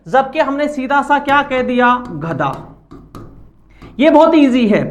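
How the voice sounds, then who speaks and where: A man teaching a grammar lesson from slides. He asks questions and answers them himself, and has the class repeat words after him. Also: very high voice.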